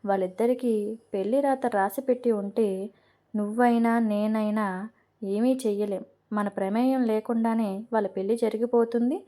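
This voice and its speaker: A woman's voice: fairly high pitch, steady tone, moderate pace, dark tone, natural voice. A woman voicing a composed middle-aged mother who reassures her worried relatives in an audio novel. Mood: reassuring. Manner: reassuring, questioning.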